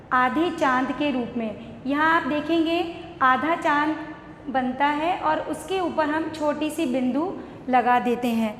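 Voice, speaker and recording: A woman with an Indian accent teaching young children an online lesson, spelling words slowly syllable by syllable. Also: high-pitched, slight background noise. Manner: slow, syllable-by-syllable spelling aloud. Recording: echoey room with long reverb.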